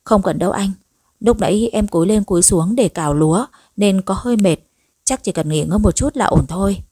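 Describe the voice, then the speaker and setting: A soft, pleading young pregnant wife, read by a woman narrator. She speaks politely and patiently, in a close, dry recording. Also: mid-range voice, a little fast, slightly rough, no room sound, close to an everyday voice. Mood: weary.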